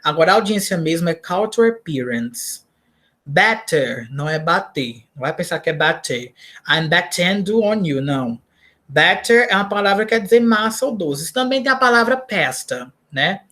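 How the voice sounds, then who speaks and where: A woman's voice: fairly low pitch, animated, normal speed, a bit bright. Brazilian woman teaching English vocabulary. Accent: Brazilian Portuguese. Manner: explains false cognates, corrects herself, asks "né?" and "tá?". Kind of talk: recorded lesson for students.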